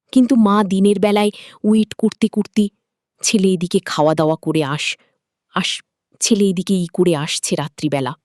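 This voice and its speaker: A woman's voice: mid-range voice, darkish tone, no room sound, clean studio sound. A woman telling an emotional family story aloud, repeating herself and restarting phrases. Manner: repetitive, with restarts.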